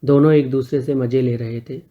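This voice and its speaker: A man reading a scripted story aloud in an even, measured way. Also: medium pitch. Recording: dull lo-fi audio.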